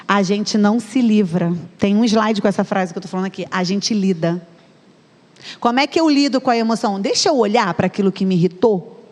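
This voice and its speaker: A woman's voice: medium pitch, darkish tone. A Brazilian woman in her thirties, a psychologist giving a chatty conference talk in a church and speaking straight to the audience. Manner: chatty, addresses the audience directly. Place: church hall. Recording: long reverb of a church hall.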